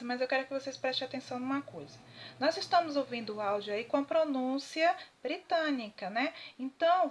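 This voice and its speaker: A woman from Brazil teaches an English lesson in a high, clear voice. She talks her students through a text line by line, stopping often with little checking questions. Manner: didactic, frequent tag questions. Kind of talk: classroom lesson, translating a text.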